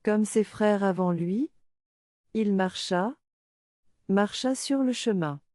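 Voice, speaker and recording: Slow, mellow woman narrating a storybook. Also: medium pitch, dry recording, studio quality.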